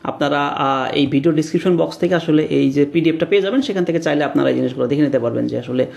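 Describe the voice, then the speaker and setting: A man's voice: a little high, fast, creaky, darkish tone, lo-fi sound. A man giving an exam-prep grammar lecture over slides, explaining step by step with many fillers and rhetorical questions, dropping in English words. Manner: mixes English words into his talk. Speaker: grammar teacher.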